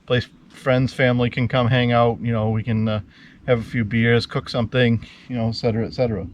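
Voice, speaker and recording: A man's voice: medium pitch, brisk. A host out of breath, explaining his build in an easygoing, rambling way full of "uh" and "you know". He speaks outdoors, with a faint hum of open-air ambience behind him. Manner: relaxed, rambling, with many fillers. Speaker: homesteader host. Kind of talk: casual on-site walkthrough.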